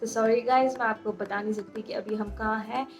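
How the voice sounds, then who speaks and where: Fast-talking young woman vlogger. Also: on the high side, fairly even intonation, soft background music. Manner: talks fast, mixing in English words. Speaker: nursing graduate vlogger. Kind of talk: casual Q&A vlog. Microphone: phone held in hand.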